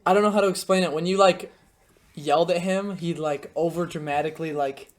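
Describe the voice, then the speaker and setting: A young adult man hosts a casual podcast chat, telling animated stories. He often breaks into laughter and slips into quick, high-pitched impressions.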